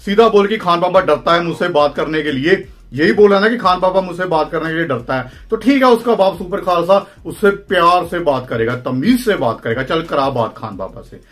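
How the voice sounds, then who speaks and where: A man's voice: on the high side, lively intonation, brisk, few pauses, fairly bright tone. A young Indian man hosting a phone-call vlog, brash, taunting and impatient, with an Indian accent. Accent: Indian Hindi. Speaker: wrestling channel host.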